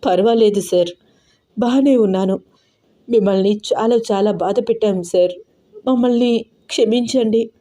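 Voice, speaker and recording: A woman voicing a distraught, bedridden older sister who pleads and sobs in a raised, higher voice. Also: measured pace, pauses often, dark tone, close to an everyday voice. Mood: tearful. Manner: anxious, pleading, sobbing. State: crying.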